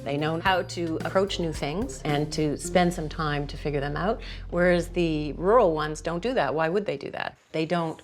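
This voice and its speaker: A woman speaks as a scientist being interviewed, explaining things in conversational sentences. Her voice sits low, with faint music behind it. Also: normal speed, few pauses.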